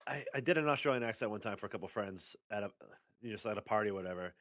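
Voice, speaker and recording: Give me a man on a comedy podcast with a very deep voice, talking fast and tossing off crude jokes. The sound is dry and close. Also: a bit bright, no echo. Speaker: podcast co-host. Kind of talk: casual comedic chat.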